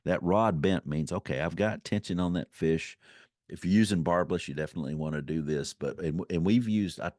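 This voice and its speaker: A man's voice: deep voice, a little fast, a little mellow, no echo, studio quality. A man giving informal, unscripted instruction in a folksy, rambling way, circling back to repeat his points. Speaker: fly-fishing instructor.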